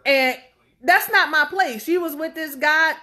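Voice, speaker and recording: Rambling woman in her thirties, bright voice. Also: high-pitched, unhurried. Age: 30s. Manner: rambling, filler-heavy; blunt and outspoken. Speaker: vlogger. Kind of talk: casual talk to camera.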